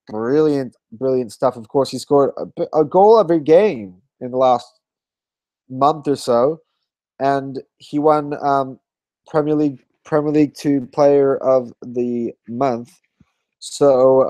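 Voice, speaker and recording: A man's voice: medium pitch, mellow, dry recording. A man chatting casually as a podcast co-host about his team's lineup, rambling and correcting himself, tired and yawning. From Australia. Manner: rambling, self-correcting, fond of fillers. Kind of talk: casual football chat.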